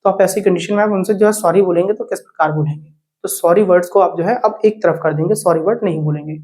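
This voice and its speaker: A man lecturing fast and earnestly, his voice sitting high. He drops in English terms and keeps checking in with short confirmations. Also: darkish tone. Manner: rapid, repetitive, peppered with "theek"; mixes Hindi with English words. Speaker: teacher. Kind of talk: exam coaching talk.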